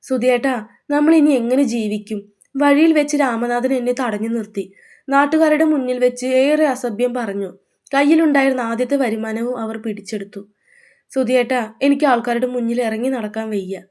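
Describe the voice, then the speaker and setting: Woman as a desperate young wife and mother, trembling and tearful, slightly high voice. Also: normal speed, a little mellow, natural voice. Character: struggling young mother, frightened and pleading.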